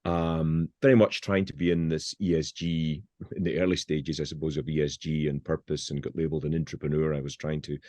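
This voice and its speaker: A man's voice: extremely low pitch, mellow, no echo. A man with a Scottish accent, a business founder, introducing himself on a video call with wry, self-deprecating humor. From Scottish island. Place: at home with mountains behind him.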